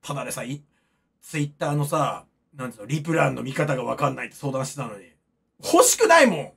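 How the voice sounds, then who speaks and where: A man's voice: mid-range voice, big pitch swings, brisk, vocal fry, fairly bright tone, breathy edge. A man in his thirties, a streamer, rambling and joking as he reacts to chat comments in a casual stream. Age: 30s.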